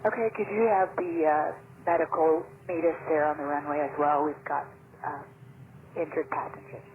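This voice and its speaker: A woman airline captain speaking over a cockpit headset radio to air traffic control, calm and steady in clipped radio phrasing. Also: low voice, normal speed. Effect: pilot's cockpit headset radio transmission. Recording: tinny noisy cockpit radio recording.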